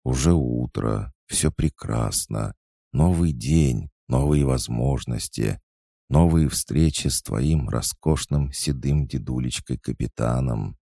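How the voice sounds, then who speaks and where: A man's voice: extremely low pitch, slow pace, gravelly, dark tone, no echo, clean studio sound, full character voice. A man voicing a playful, teasing goddess who soothes her friend. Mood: soothing.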